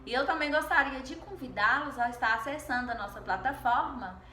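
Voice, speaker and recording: A woman's voice: high voice, fairly quick, pushed and bright, roomy sound, a little hiss or hum. A Portuguese-speaking woman teaching a Spanish lesson, explaining patiently and often adding "né?" to check in with her students. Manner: explanatory, frequent "né?" tag questions. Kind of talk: online language lesson.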